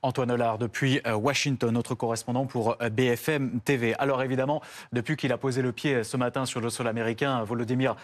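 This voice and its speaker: A man's voice: medium pitch, fairly even intonation, brisk. Man co-anchoring live breaking news.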